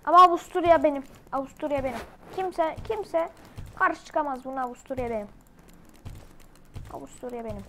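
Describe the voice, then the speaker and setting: A woman with a high voice talks through a strategy game in a casual commentary. She is excitable and keeps breaking into loud, crude outbursts. A faint hiss sits under the recording. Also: fairly quick, pauses often, poor audio. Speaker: gamer playing online strategy game.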